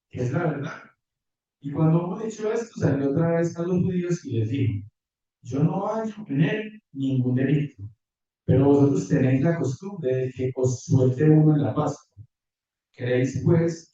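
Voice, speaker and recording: A man preaching a sermon and reading scripture in a measured, careful way, recorded from afar in a church hall. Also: medium pitch, mellow. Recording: distant, echoey, muffled church audio.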